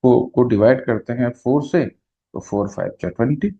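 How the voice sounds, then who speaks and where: A male math teacher explaining slowly, step by step, who asks questions and answers them himself, mixing Hindi with English math terms. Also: mid-range voice, gravelly, warm tone, dull audio. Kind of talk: classroom lecture at a whiteboard.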